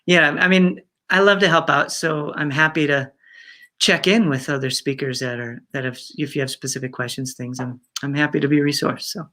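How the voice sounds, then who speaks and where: A man's voice: on the high side, steady tone, a little fast, pushed and bright. A man in his fifties, a guest in an interview, talking in a chatty way with many fillers and restarts and frequent laughter. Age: 50s. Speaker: guest speaker. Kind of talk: casual interview chat.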